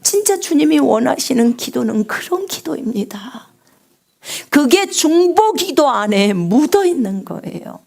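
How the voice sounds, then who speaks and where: A woman missionary preaching a live sermon on prayer, with a big resonant singer's voice, asking the congregation questions and swinging from loud cries to hushed whispers. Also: high-pitched, very animated, unhurried, gravelly. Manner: asks the congregation questions and answers them.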